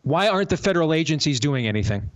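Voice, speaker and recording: A man moderating a political panel discussion, deliberate and explanatory, on dull lo-fi audio. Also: fairly high pitch, big pitch swings. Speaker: panel show host and moderator.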